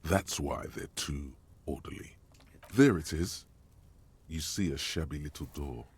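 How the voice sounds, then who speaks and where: A deep, sardonic inner voice. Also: male voice, measured pace, slightly rough, heavily acted. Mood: narrating. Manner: sardonic, needling. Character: smug male inner voice of a detective. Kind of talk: game voice acting and narration.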